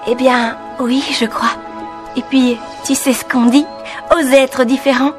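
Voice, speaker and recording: A woman's voice: sits high, level tone, a little slow. A woman voicing a nervous, lovestruck teenage schoolgirl in a cartoon dub, chatty and flustered, often talking to herself. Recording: cartoon soundtrack with music under.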